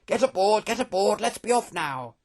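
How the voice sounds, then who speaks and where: A man's voice: high-pitched, big pitch swings, moderate pace. A man voicing a commanding male general who barks urgent orders.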